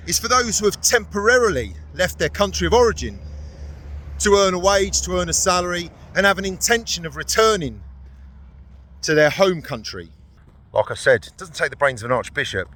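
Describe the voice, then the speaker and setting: A man's voice: high-pitched, animated, normal speed, a bit bright. A British man from the UK giving a chatty, blunt and wry vlog talk while out on a morning walk outdoors. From United Kingdom. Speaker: vlogger, veteran. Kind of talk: casual talking-to-camera vlog.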